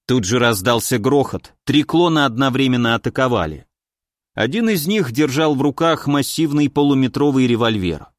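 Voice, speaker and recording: A man narrating a fantasy audiobook in a steady, even storytelling manner. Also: mid-range voice, no room sound, studio quality.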